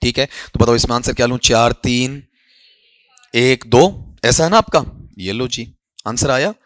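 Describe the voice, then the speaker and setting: A man's voice: mid-range voice, measured pace, a bit bright, dry recording, studio quality. A man teaching an exam-prep lesson in Hindi mixed with English, coaxing his students and addressing them fondly as children. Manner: coaxing, addresses students as beta, repeats "theek hai".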